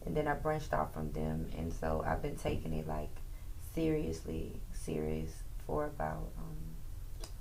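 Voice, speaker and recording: A woman's voice: very deep voice, big pitch swings, unhurried, creaky, warm tone, slight background noise. A woman musician, a guest on a talk show, talking in an earnest, rambling way. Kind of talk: casual chat.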